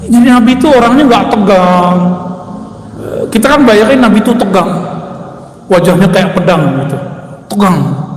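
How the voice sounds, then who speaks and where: Indonesian preacher, high voice, echoing hall. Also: male voice. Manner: relaxed conversational preaching, addressing listeners as Pak. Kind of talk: sermon. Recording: echoey hall recording.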